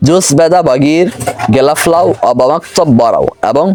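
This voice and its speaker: A man's voice: a little high, moderate pace, darkish tone, slight background noise. A young man teaching a recorded language lesson, methodically repeating each word with its meaning and patiently correcting pronunciation.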